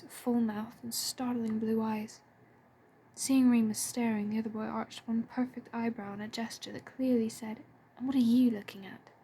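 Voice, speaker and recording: Reading a story aloud for a fan-made audiobook, a woman speaks softly in a hushed, breathy voice. Her pitch is fairly high but mellow, and a faint hiss of noise runs beneath the narration.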